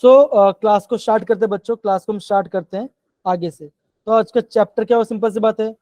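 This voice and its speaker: A man leads a live online chemistry class and keeps checking in with his students in a coaxing way. His voice is mellow and darker in tone, and it sounds dry and close, as if through a call mic. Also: sits high, fairly even intonation, fast, dry recording, rough recording. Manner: coaxing, repeats "bachchon" and "theek hai". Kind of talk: live online class in Hindi-English mix.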